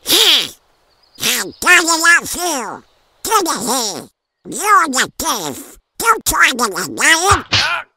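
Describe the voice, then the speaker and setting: An irritable, scheming male cartoon duck with a squawky duck voice. It is piercingly bright and gravelly, garbled and full of theatrical bluster. The delivery is slow and grandiose. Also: high voice, big pitch swings, no echo, heavily acted. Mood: angry. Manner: theatrical self-narration, blustering. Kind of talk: amateur comic dub acting.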